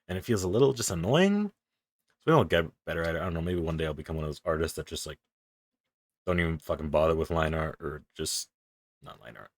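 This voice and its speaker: A young male streamer with a very deep, low voice chats casually while drawing, rambling along, swearing offhandedly and making fun of himself. The recording is dry and close, with no room sound at all.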